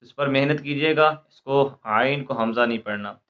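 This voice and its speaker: A man teaching Quran recitation, spelling out letters and syllables slowly, then explaining quickly and checking in with "theek hai" often. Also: mid-range voice, dull audio.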